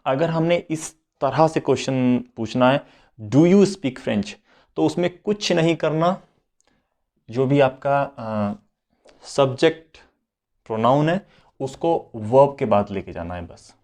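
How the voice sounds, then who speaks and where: A man explains grammar to beginners at a slow, unhurried pace. His voice is dark and mellow, and he goes over each point twice, mixing Hindi and English. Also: medium pitch, expressive. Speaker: French teacher.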